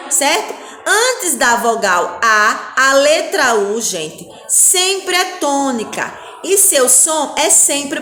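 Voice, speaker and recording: A woman teaching young children a phonics lesson, speaking slowly and patiently with a Brazilian Portuguese accent and often asking the children whether they agree. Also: sits high, sharp tone, roomy sound, rough recording. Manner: slow, patient, spells out sounds. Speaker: primary school teacher. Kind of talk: recorded classroom lesson.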